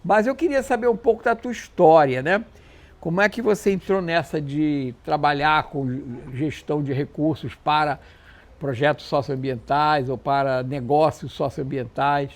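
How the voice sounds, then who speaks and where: A man hosts a casual interview with a voice pitched a little higher than most men's. He is friendly and chatty, and he stumbles and restarts his questions as he goes. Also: fairly even intonation, moderate pace. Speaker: interviewer, show host.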